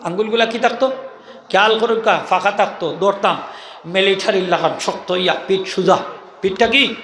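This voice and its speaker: A man with a Sylheti accent preaches to a gathering, his high voice bright and forceful. He keeps throwing questions at the crowd and waiting for their answers. The sound carries a long hall reverb over faint background ambience. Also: normal speed, slight background noise. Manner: animated, questions the crowd and drills call-and-response. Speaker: Islamic preacher. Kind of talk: sermon to a live gathering.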